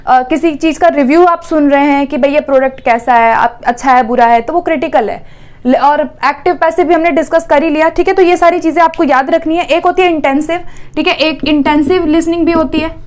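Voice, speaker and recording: A woman with a high voice delivers an exam-prep lesson. She explains step by step, asks her own questions and answers them, and checks in with her listeners after nearly every point. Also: fairly even intonation, a little fast. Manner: explanatory, repeats "theek hai" often. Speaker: teacher.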